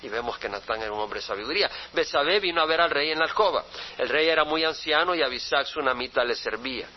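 A man's voice: fairly high pitch, fast, slight background noise. A male pastor reading scripture aloud and then preaching on it, turning to his listeners with rhetorical questions. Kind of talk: sermon, Bible study. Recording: dull lo-fi radio broadcast.

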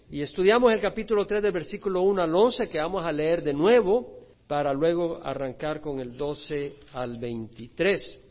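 A male pastor, preaching an expository sermon with animated swings between loud and soft and acted-out quoted voices. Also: high voice. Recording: dull lo-fi recording.

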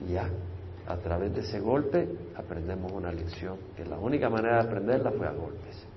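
Expressive male pastor teaching scripture. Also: deep voice, normal speed, highs cut off, slight background noise. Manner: expressive, swings from loud scripture reading to soft asides; explains Hebrew words with English glosses. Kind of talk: Bible study sermon.

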